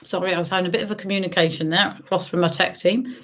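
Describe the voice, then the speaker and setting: A woman's voice: lowish voice, steady tone, very fast, a little hiss or hum. A woman with a British accent working as a bingo caller, giving singsong number calls mixed with casual chatter. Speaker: bingo caller hosting an online game.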